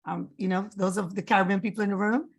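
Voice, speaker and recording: A woman from Trinidad and New York speaks as a panellist at an average pitch. She is conversational and plain-spoken, giving an informal introduction. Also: fairly even intonation, quick pace, husky. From Trinidad and Tobago and New York. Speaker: panellist, development consultant.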